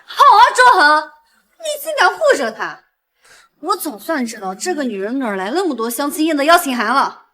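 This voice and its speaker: An actress playing an arrogant, spoiled young heiress who talks in a haughty, demanding way. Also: female voice, high-pitched, very animated, fairly quick, sharp tone, exaggerated voice.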